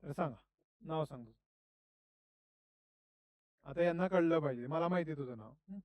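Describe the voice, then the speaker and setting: A man's voice: fairly high pitch, normal speed, darkish tone, no room sound. A middle-aged man teaching a class in a classroom, chatty and constantly asking students questions. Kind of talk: classroom lecture.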